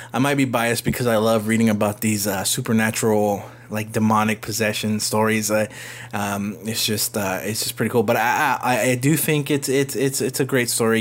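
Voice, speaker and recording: Guy rambling about a comic he likes, lots of ums and restarts, mid-pitched voice. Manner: rambling, many fillers and restarts. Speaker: comic book reviewer. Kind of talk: casual review vlog.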